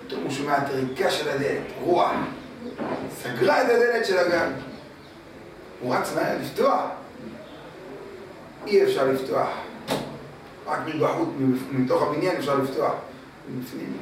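A man preaching, telling a parable in a lively storytelling manner that repeats words for effect. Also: on the high side, pauses often, noisy background. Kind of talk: religious storytelling sermon. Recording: very echoey room from a distant mic.

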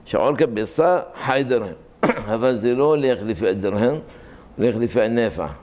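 A man giving a sermon, telling a miracle story and explaining a religious law in a plain-spoken way, with sudden high rises for emphasis. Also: expressive, a little mellow. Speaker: religious teacher. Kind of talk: sermon storytelling and halakhic lecture.

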